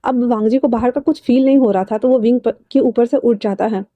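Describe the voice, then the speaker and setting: High-voiced woman reading a story. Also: brisk, no room sound, narrow, tinny audio. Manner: casual, conversational narration. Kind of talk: reading fan fiction aloud.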